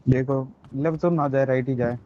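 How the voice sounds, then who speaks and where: A man's voice: medium pitch, steady tone, a little fast, warm tone, lo-fi sound, faint music behind. A man in game voice chat, teasing teammates and laying out strategy. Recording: noisy game audio behind.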